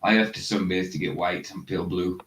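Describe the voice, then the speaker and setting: A man's voice: deep voice, steady tone, brisk, noisy background. A Scottish man from the northeast of Scotland hosting a livestream, chatting in a rambling way and laughing often. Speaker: livestream host. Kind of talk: casual chat.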